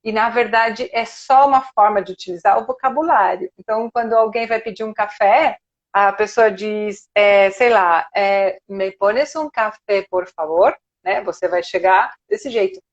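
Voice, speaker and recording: A woman who teaches Spanish, talking in a live video chat and acting out quoted speech in an animated way. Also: medium pitch, normal speed, lo-fi sound. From Brazil.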